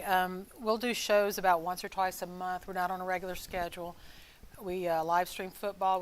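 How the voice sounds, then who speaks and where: A woman's voice: on the low side, slight background noise. A woman from Louisiana, a teacher, talking easygoing and hesitant as an interview guest. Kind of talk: casual interview. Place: school campus room.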